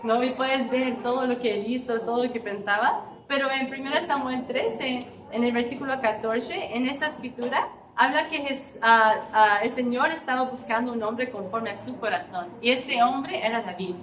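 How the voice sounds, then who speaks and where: A young woman preaches in a loose, heartfelt, conversational way, tossing in frequent tag questions. Her voice sits high, and it carries through an echoey church hall from some distance away. Background noise runs underneath. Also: normal speed, fairly bright tone. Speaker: preacher at a women's gathering. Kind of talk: informal sermon.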